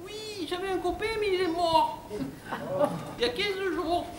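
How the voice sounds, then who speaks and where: A man's voice: very high-pitched, unhurried, voice pushed up. A man voicing a ditzy, easily amazed young woman who squeals her exclamations. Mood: dramatic. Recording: echoey room with background noise.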